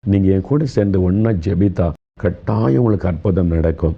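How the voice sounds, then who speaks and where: Deep-voiced preacher, consoling. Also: male voice, moderate pace, vocal fry, slightly rough, highs cut off. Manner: gentle, consoling, addresses listeners directly. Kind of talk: sermon.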